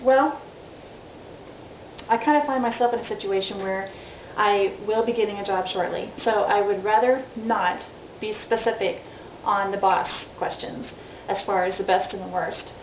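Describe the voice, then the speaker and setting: Chatting openly at normal speed, this forties-aged woman vlogger has a mid-range voice and a self-deprecating, frank manner. It's a casual video diary recorded in lo-fi, dull audio, with room echo and faint noise.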